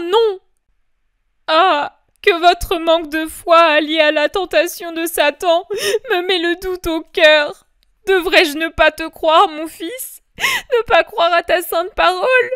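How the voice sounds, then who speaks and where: A woman's voice: extremely high pitch, slow, a bit bright, dry recording, studio quality, voice pushed up, heavily acted. A woman voicing the grieving mother of Jesus, imploring and sobbing in a breaking voice, in a dramatic religious reading. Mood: anguished.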